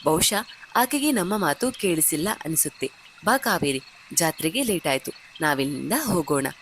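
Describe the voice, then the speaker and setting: A woman narrator voicing a cautious young woman, the elder of two sisters, who speaks quietly and carefully. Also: sits low, expressive, normal speed, a little hiss or hum, pitched below the performer's own voice.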